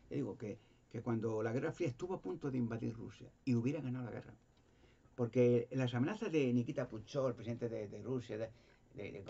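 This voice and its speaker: A man's voice: medium pitch, gravelly, dark tone, husky, dull audio. A man giving a rambling, casual monologue, repeating words and acting out quotes in a raised voice. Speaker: video commentator.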